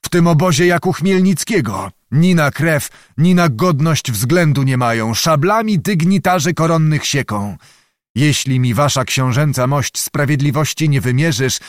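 A man voicing a drunken, quarrelsome nobleman who mocks and shouts in a storybook reading. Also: fairly high pitch, animated, unhurried, dry recording, clean studio sound. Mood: outraged. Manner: loud, mocking, belligerent.

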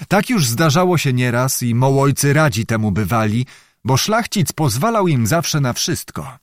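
A male audiobook narrator reads a literary story in a steady, measured, descriptive way. His pitch sits in the middle of a man's range. The recording is close and dry, with no room sound. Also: dry recording.

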